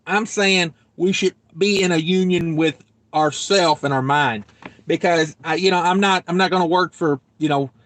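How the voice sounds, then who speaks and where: Hosting a casual trucker livestream, a man rambles and cracks jokes while reading viewer comments aloud. His voice is slightly high and a bit bright, at a normal speed.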